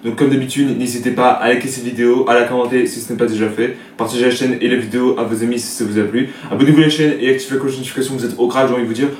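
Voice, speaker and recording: Fast-rambling young man, echoey room. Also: medium pitch, fairly even intonation. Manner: rambling, heavy filler words, restarts. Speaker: football video debrief host. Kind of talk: casual rambling match debrief. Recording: echoey room, distant mic, faint noise.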